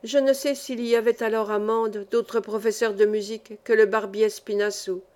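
Calm woman narrating a novel. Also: on the high side. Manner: calm, measured storytelling. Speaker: audiobook reader. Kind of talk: scripted narration of a classic novel.

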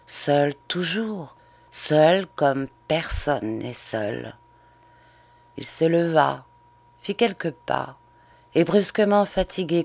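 A woman narrating a literary audiobook in a measured, expressive way. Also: low voice.

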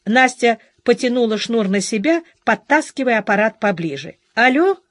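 A woman reads an audiobook in an even storytelling manner. Her voice is fairly high for a woman, and the recording is dry and close, with no room echo. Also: moderate pace. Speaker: audiobook narrator. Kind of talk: scripted narration.

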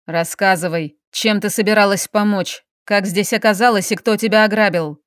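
A woman's voice: medium pitch, fairly even intonation, normal speed, no echo, clean studio sound, lightly acted. A woman reading the part of an angry, domineering husband who barks and scolds, in a storybook reading. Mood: grumbling. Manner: barking, gruff, scolding.

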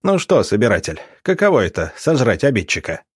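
Brief: a man voicing a gruff sneering captain, raised and loud, audiobook, dry close sound. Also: lowish voice, very animated, brisk, no echo. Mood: mocking.

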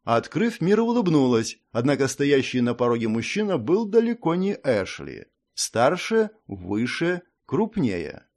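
Man narrating an expressive fantasy audiobook. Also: medium pitch, unhurried, few pauses. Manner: expressive storytelling. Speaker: audiobook reader.

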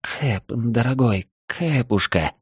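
A man's voice: medium pitch, takes it slowly, husky, no echo, studio quality, voice pushed up. A male reader voicing a frightened young woman from the capital, anxious and pleading. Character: frightened young Moscow woman on a river trip.

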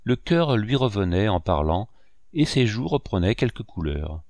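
A man reading a classic novel aloud as an audiobook narrator, in a steady, measured way. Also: fairly low pitch, no echo. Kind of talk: scripted narration.

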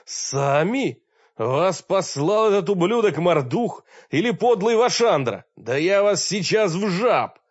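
A man voicing a furious old wizard with a shouting, raging manner. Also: medium pitch, measured pace, no echo, muffled recording, lightly acted. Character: furious old male wizard, fiery-tempered.

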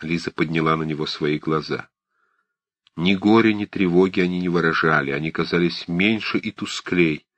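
A man reads a novel aloud in a calm, measured way. His voice is deep and husky. The sound is close and dry, with no room around it. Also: no echo, lo-fi sound. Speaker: audiobook narrator. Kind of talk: scripted narration of a novel.

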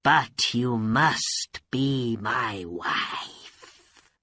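A man voicing a scheming, greedy male magician who speaks slowly and coaxingly in a storybook reading. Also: medium pitch, bright, forceful tone, no room sound, exaggerated voice.

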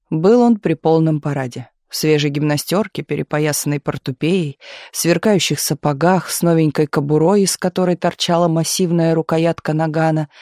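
A man reading a novel aloud as an audiobook narrator, steady and expressive, on a close microphone. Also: fairly high pitch, no room sound.

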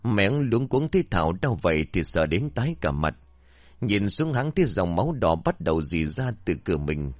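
A man reads a ghost story aloud with an expressive, dramatic delivery. His voice is low-pitched and swings widely in tone. The recording is dry and close with no room sound. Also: no room sound.

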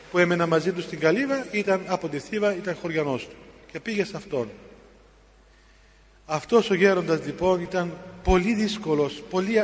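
A middle-aged man, a priest, telling a story in a sermon, slow and grave with sudden emphatic rises. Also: high-pitched. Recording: long hall reverb.

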